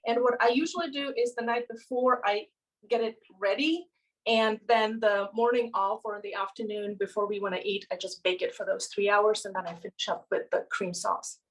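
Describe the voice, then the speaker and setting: A middle-aged woman from the Czech Republic giving a cooking demonstration in her home kitchen on a phone camera, explaining in a relaxed way while she works. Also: medium pitch, moderate pace, rough recording. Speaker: cooking instructor.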